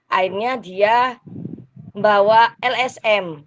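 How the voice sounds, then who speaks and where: A woman's voice: mid-range voice, slow pace, lo-fi sound, a little hiss or hum. A woman teacher, telling a school story in casual talk and acting out the dialogue as she goes. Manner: animated retelling with quoted dialogue. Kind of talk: casual storytelling in a coaching practice session.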